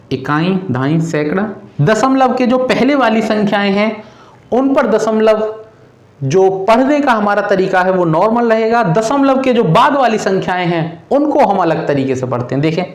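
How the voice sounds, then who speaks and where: A man's voice: high voice, animated, a little slow, roomy sound. A male teacher who explains a math lesson to children patiently, repeating each step and calling the students "beta".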